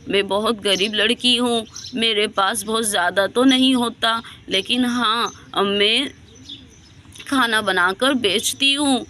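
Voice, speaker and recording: A woman voicing a kind, poor young girl who gently pleads with an old man and takes him home. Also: fairly high pitch, a little hiss or hum.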